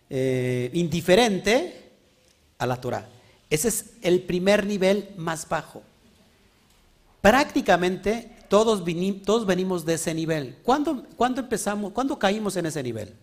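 A man preaching a sermon, asking his listeners frequent questions. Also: high-pitched. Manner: animated, asks the congregation questions often. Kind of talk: sermon teaching.

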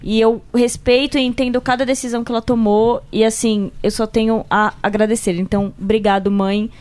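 A woman's voice: on the high side, flat delivery, brisk, darkish tone, smooth, no echo. A young woman speaking emotionally and tenderly in casual chat, with dry self-mocking asides.

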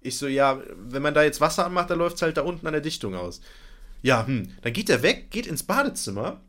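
A fairly high-pitched man talks fairly quickly while co-hosting a podcast. In this casual storytelling chat he's animated, acting out his reactions and laughing a lot.

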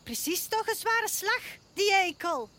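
A woman's voice: very high-pitched, lively intonation, measured pace, pushed and bright, exaggerated voice. A woman voicing a wise, motherly female forest creature, patient and encouraging. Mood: soothing.

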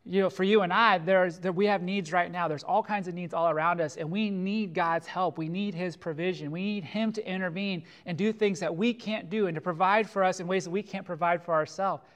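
A pastor preaching with a high, light male voice. He is a middle-aged man from California, earnest and deliberate, drawing out the words he wants to land. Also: steady tone, a bit bright. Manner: earnest, slows down to stress key phrases. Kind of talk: sermon.

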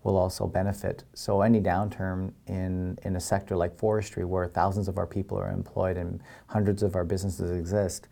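A man with a very low, mellow voice gives considered interview answers. He explains things in a measured way, pausing often and leaning on key words, with a fairly even melody. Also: gravelly. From Canada.

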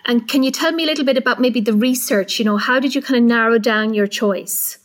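A woman's voice: on the high side, a little fast. A woman with an Irish accent hosting a podcast interview in an encouraging, attentive manner. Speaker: podcast host.

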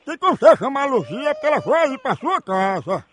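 A man puts on a fretful neighbor on a prank phone call, voice pitched up very high. He pleads helplessly and keeps hushing an imagined baby. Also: very animated, fairly quick, full character voice. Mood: flustered. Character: fretful male neighbor minding a crying baby. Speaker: prank caller.

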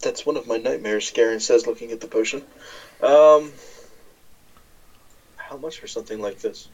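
A man's voice: medium pitch, moderate pace, darkish tone. A man playing a tabletop game, casually talking in character with dry, playful joking. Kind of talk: casual in-character role-play. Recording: distant from the mic.

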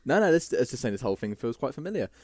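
A quick-talking man with a Southern English accent, chatting as a guest on a podcast. He jokes and laughs easily and moves fast from one thought to the next. His voice is recorded close and dry, with no room sound around it. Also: mid-range voice, very animated, a little mellow, husky, no room sound. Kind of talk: casual chat.

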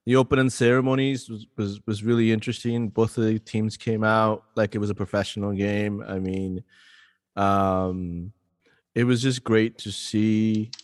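A man with a fairly low voice chats casually on a podcast as co-host. He tells stories in an animated, rambling way, often restarting his sentences. The sound is dry and close, with a trace of long reverb behind it. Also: normal speed.

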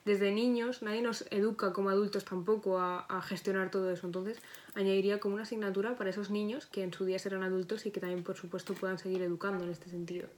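A woman's voice: medium pitch, flat delivery, quick pace, a little hiss or hum. A young woman, a psychologist chatting as a podcast guest in a reflective, self-correcting way. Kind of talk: casual podcast interview.

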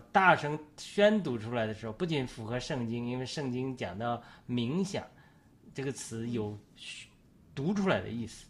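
Preacherly male talk show host. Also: mid-range voice. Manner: explains at length, citing scripture like a preacher.

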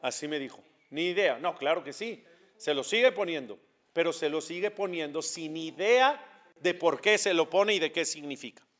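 Rabbi guy giving a lesson, kinda high voice, asks stuff then answers it. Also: expressive, normal speed, fairly bright tone. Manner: asks questions and answers them himself. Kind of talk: religious lesson. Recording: dull lo-fi recording.

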